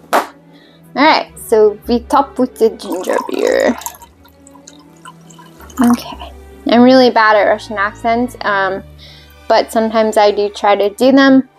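Hosting a cocktail video, a woman chats and rambles while mixing drinks, poking fun at herself and dropping fillers. Her fairly high voice moves slowly with long pauses, and faint music plays underneath.

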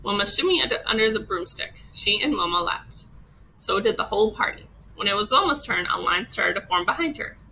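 A woman teacher reading a children's picture book aloud, expressive and unhurried. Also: mid-range voice, a little hiss or hum, low-quality recording. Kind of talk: children's storybook read-aloud.

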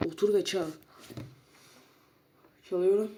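A woman giving casual commentary on a horror game, chatting to her viewers and bursting out loudly at sudden moments. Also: medium pitch, steady tone, slow pace, noisy background. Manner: chatty, talks to viewers, sudden loud outbursts. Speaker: gaming channel host.

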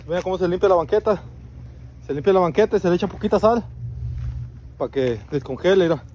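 A man's voice: high-pitched, brisk, a little mellow. A man in his thirties with a Mexican accent, chatting casually as a vlogger in slangy, sweary Chicano-style street talk. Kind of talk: casual vlog chat. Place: truck cabin and snowy outdoors at night. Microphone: handheld phone at arm's length. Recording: noisy handheld, car and outdoor noise.

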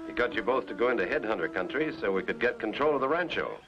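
A man voicing a brave, calm adventurer hero in a cartoon, speaking in a firm, commanding way. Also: fairly low pitch, fast. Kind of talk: 1950s cartoon voice acting. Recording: dull lo-fi soundtrack with loud noise.

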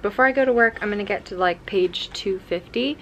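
A young American book vlogger chats fairly quickly to camera in a mid-range, slightly bright voice, keeping things casual, informal and reflective. She's a young adult filming in her bedroom at home, and clear ambient room noise can be heard.

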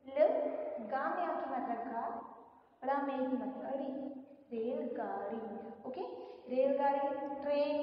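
A woman teaching a first-grade Hindi lesson online, spelling words out slowly syllable by syllable and drilling their pronunciation. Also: high-pitched, a little hiss or hum. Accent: Indian Hindi. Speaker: primary school teacher. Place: classroom with a board. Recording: echoey distant room recording, dull sound.

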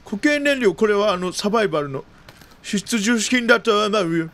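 Very high-pitched, excitable male gamer. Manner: jumpy, rapid repeated exclamations, old-man style turns of phrase. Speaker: video game streamer. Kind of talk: excitable let's-play commentary of a horror game.

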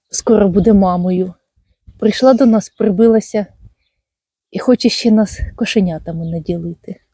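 A woman strolls through her garden talking casually to her viewers, fond and chatty, with lots of little endearments. Her voice is very dark and mellow with a husky, breathy edge. It sounds close and dry outdoors. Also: mid-range voice, no room sound. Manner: chatty and fond, full of tender diminutives. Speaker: gardening channel host. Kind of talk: casual garden walk-and-talk.

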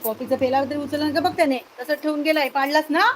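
High-voiced woman chatting to her pets. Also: fast talker, background noise. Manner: coaxing baby talk to a dog and birds. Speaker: vlogger talking to her pets. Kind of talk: casual home vlog chatter.

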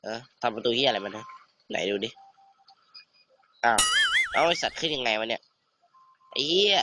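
A teenage man giving casual, excitable commentary over a survival game, swearing and bantering with a friend. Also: medium pitch, normal speed, very noisy. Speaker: gamer.

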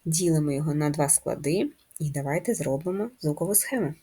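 A woman teacher giving a first-grade handwriting lesson, explaining each sound slowly and clearly. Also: low voice, mellow. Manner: slow, clear syllable-by-syllable explanations. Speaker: primary school teacher.

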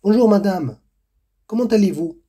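A man putting on a brave young girl's voice, pitched far above his own and brighter in energy, speaking politely and respectfully. His own husky grain still shows through in this storybook tale. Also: animated, normal speed.

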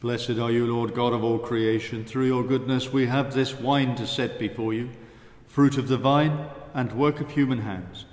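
Solemn priest in cathedral echo. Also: male voice, medium pitch, fairly even intonation. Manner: solemn, measured intoning. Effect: cathedral echo, long church reverb. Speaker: priest celebrating Mass. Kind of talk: liturgical prayer, spoken and chanted. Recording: echoey reverberant church hall.

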